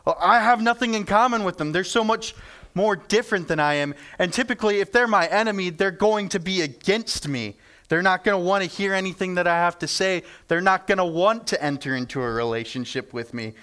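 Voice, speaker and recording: A man's voice: high-pitched, fairly bright tone. A young man giving a casual, storytelling sermon, chatty and self-deprecating with lots of fillers. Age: young adult.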